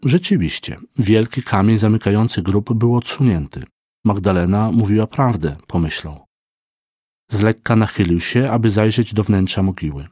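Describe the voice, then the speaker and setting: Male narrator, husky and warm, calm devotional storytelling, dry close mic. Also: lowish voice, no echo. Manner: slow, gentle reading of a devotional story. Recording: dry close recording with soft instrumental music.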